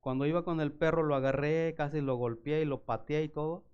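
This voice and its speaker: A man preaches in a church, weaving personal anecdotes into his sermon. He talks in a fairly high voice and brings the stories to life by acting out the people in them. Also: a little fast, clean tone, muffled recording. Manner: animated storyteller acting out voices. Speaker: pastor.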